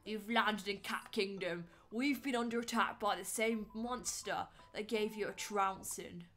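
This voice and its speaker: A woman voicing a polite, timid male hat spirit from a video game, in a soft, prim put-on posh British accent. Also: medium pitch, measured pace, faint music behind, pitched below the performer's own voice, natural voice.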